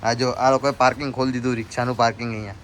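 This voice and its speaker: Male shopkeeper, chatty vlog host, mid-pitch, noisy street behind. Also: little pitch movement, racing, fairly bright tone. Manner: chatty, keeps addressing viewers as guys. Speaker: shopkeeper vlogger. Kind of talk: casual vlog commentary. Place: small shop and storeroom.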